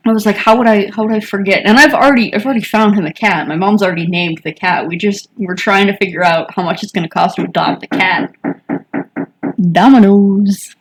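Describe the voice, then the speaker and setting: A woman's voice: medium pitch, quick pace, hardly any pauses, low-quality recording. A woman co-hosting a casual podcast chat, telling stories and acting out what people said. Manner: storytelling, acts out quoted dialogue. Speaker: podcast co-host.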